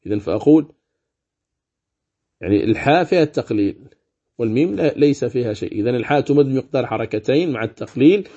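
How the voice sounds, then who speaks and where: A man teaching Quran recitation rules, explaining calmly and chanting example words slowly. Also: medium pitch, husky. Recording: dull lo-fi recording.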